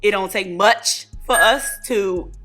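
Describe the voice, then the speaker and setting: A woman, telling a story to her viewers while doing her makeup, chatty and animated, calling them y'all and honey. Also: medium pitch, slow, faint music behind. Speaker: beauty vlogger.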